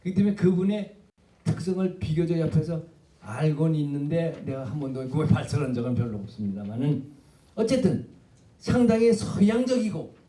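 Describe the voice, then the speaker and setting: A man's voice: on the high side, dark tone. An older man, a professor giving a public literature lecture, speaking emphatically and addressing the audience directly. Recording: echoey hall, voice from a distance.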